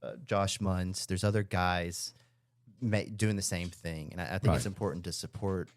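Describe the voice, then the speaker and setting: A man, a filmmaker guest chatting casually in an interview, halting with many fillers. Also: sits low, steady tone.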